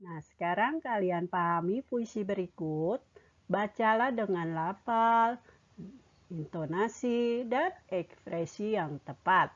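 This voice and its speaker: A woman's voice: medium pitch, slow, highs cut off. A woman primary school teacher, patiently explaining words and repeating herself as she teaches. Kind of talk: online classroom lesson.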